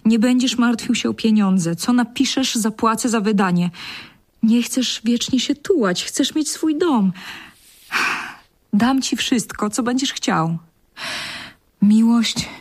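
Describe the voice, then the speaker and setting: A slow, pleading devoted lover. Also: female voice, on the high side, a little mellow. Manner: pleading, insistent, slow and deliberate. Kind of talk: radio drama acting.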